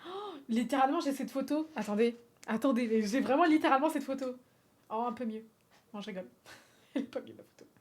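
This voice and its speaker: A woman from France chatting on a livestream, animated and swearing freely, laughing often and slipping in English phrases. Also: sits high, fast talker, long pauses. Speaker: streamer. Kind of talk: casual livestream chat.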